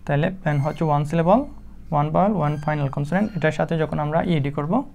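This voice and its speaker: A woman teaching English spelling rules, slow and methodical, spelling words out letter by letter with frequent hesitations. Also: deep voice, creaky, warm tone. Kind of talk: spelling lesson explained in Bengali.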